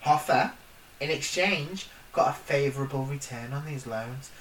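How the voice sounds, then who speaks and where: Low-voiced jokey woman, echoey room. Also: unhurried, far from the mic. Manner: jokey, playful banter. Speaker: podcast co-host. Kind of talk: casual chat. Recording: echoey room with faint hiss.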